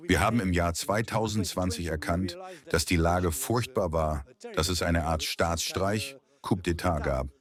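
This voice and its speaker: Deep-voiced Frenchman, emphatic. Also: unhurried. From France. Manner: emphatic, rhetorical questions. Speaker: alternative media reporter. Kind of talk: street interview. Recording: crowd chatter behind.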